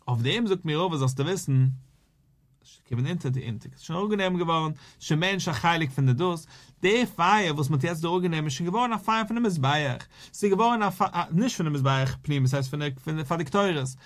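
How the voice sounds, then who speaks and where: Rabbi in a sing-song Talmud lesson. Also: male voice, fairly high pitch, animated, fast talker. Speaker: rabbi teaching daily Talmud page.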